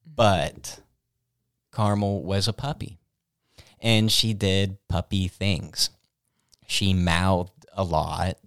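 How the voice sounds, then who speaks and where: A man's voice: low voice, fairly even intonation, very slow, long pauses, a bit bright, clean tone, dry recording, studio quality. A man co-hosting a chat show, explaining dog training in an enthusiastic, storytelling way.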